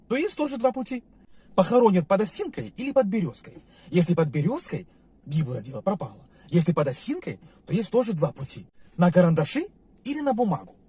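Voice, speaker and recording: A man telling jokes, dry and animated in his delivery. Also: sits high, breathy edge.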